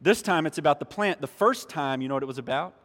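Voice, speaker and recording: A man with a high voice preaches from the pulpit, hammering his points by saying them twice and calling out straight to the congregation. His voice rings through a church with a long, trailing reverb. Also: lively intonation, fast, a bit bright. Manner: emphatic preaching, repeats key lines for weight; addresses the congregation directly. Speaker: pastor. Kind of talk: sermon. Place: church sanctuary.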